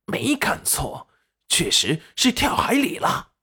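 A man's voice: high voice, huge pitch swings, takes it slowly, sharp tone, husky, pitched above the performer's own voice, heavily acted. A man voicing an eager, fawning and crude pirate underling in an audiobook. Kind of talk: audiobook character voice.

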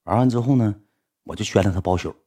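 A man's voice: on the low side, fast talker, dark tone, breathy edge. A young man with a Northeastern Mandarin accent, telling a story in rambling casual speech with many repeats and restarts.

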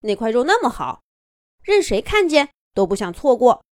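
A cool, aloof young male wolf in a children's storybook, as a woman puts him on, talking down to a pest with cold, dismissive lines. The voice sits fairly high and lively, with a dry, close sound. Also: normal speed, dry recording.

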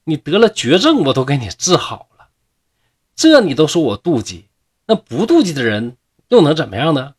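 An exasperated fox-spirit woman scolds in a lifted, husky voice that swings widely up and down, as a male storyteller puts her on. Her lines come out sharp and lecturing, with a folk tale's flavour. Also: on the high side, wildly swooping pitch, normal speed, pitched above the performer's own voice, full character voice. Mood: indignant. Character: proud indignant female fox spirit healer.

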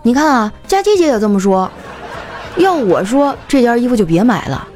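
A woman's voice: a little high, big pitch swings, moderate pace, darkish tone, faint music behind. A woman doing a dry, wisecracking broke boyfriend. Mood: wry. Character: young man, stingy, joking boyfriend.

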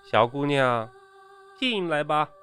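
A man voicing a shrill, menacing old man in a spoken horror story, with a piercing voice and a cold, knowing manner. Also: big pitch swings, takes it slowly, a bit bright, faint music behind, exaggerated voice. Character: shrill sinister old man, blood-wine maker.

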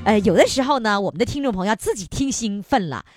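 A woman's voice: mid-range voice, expressive, fast talker, over loud music. A woman hosting a radio call-in show, chatty and playful, laughing often.

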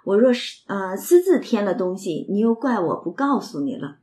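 A woman voicing a shrewd young noblewoman who runs a household, speaking in a brisk and calculating way. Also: medium pitch, big pitch swings, mellow, lightly acted.

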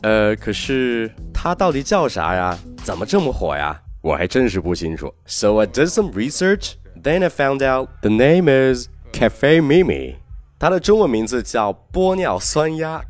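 A man with a low voice teaches English pronunciation on a podcast. His pitch swings up and down a lot as he chats, and he drags out the English model sentences slowly and carefully. Soft music plays faintly behind him. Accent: American-style English. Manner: lively, chatty teacher, slows right down to model English.

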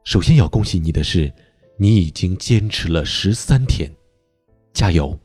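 A man teaching voice training in a recorded online lesson, explaining step by step and stressing key words with sudden jumps in pitch. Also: lively intonation, measured pace, a little mellow, husky, no echo, faint music behind.

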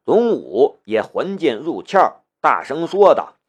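A man narrating a novel in an expressive storytelling manner. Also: fairly high pitch, slow pace, breathy edge. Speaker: audiobook narrator.

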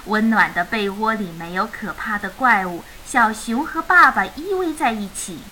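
A woman reading a children's picture book aloud in an expressive, animated storytelling way. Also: mid-range voice, normal speed, slight background noise, low-quality recording.

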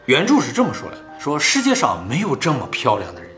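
Guy doing casual fireside storytelling, talks fast n animated, explains stuff as he goes, bit of music under. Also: mid-range voice. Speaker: host and storyteller. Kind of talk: casual storytelling narration, like telling an old tale by the fire.

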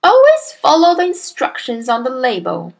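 Bossy, high-pitched scolding storybook wife, acted by a woman. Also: huge pitch swings, normal speed, full character voice. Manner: nagging, sharp scolding.

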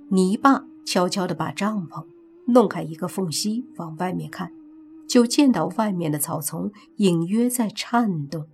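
A woman narrating a suspense novel as an audiobook, reading slowly and voicing the characters herself. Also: fairly low pitch. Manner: slow, measured storytelling voicing all characters.

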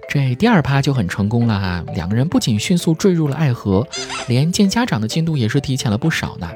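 A man hosting a comedy podcast, telling jokes and stories in a playful, animated way. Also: medium pitch, fast talker. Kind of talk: scripted comic storytelling. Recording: music bed behind voice.

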